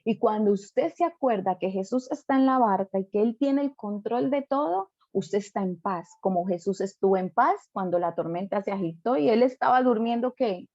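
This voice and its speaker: A woman's voice: mid-range voice, moderate pace, hardly any pauses, warm tone, no echo, muffled recording. A woman pastor preaching a sermon emphatically, often adding rhetorical tag questions.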